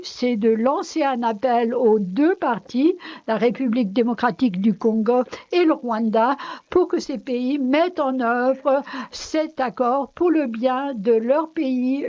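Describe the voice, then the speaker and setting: A woman interpreting speeches live, hesitant and pausing often on fillers. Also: fairly high pitch, a little mellow. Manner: hesitant, frequent filler pauses. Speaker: simultaneous interpreter. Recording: dull lo-fi broadcast audio.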